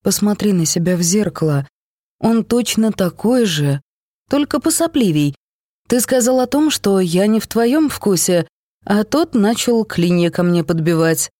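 Christina is a pale, worn-out young woman with a flat, lifeless delivery and a mocking edge, as a storybook reader plays her. The recording is close and dry. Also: mid-range voice, measured pace, no echo, voice pushed up, lightly acted. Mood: sardonic.

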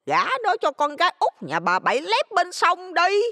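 Woman doing a shrill loan-shark dame. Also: wildly swooping pitch, normal speed, bright, forceful tone, no room sound, studio quality, long reverb tail, heavily acted. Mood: mocking. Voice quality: shrill, piercing. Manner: scolding, mocking, abrupt pitch swings. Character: shrill greedy middle-aged female village loan shark.

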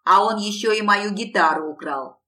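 A woman's voice: mid-range voice, normal speed, pushed and bright, recorded from a distance, lightly acted. A woman voicing a long-nosed young male musician who shrieks and whines. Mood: whiny. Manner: shrieking, whining. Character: long-nosed boy musician, whiny and shrill.

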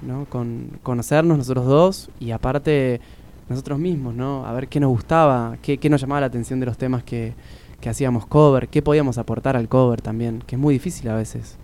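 Mellow-voiced musician guest. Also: male voice, medium pitch, fairly even intonation, brisk. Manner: thoughtful, hesitant, many restarts. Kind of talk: casual radio interview chat.

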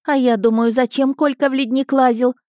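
A fretful townswoman who scolds and laments in a raised, higher voice, as a woman reader puts her on. Her mellow tone sits close and dry in a storybook telling. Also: steady tone, a little fast, dry recording, close to an everyday voice. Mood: scolding.

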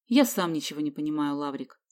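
A woman voicing a short-tempered middle-aged man who snaps and scolds loudly. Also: sits low, animated, brisk, pitched below the performer's own voice. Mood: angry. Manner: snapping, scolding, loud.

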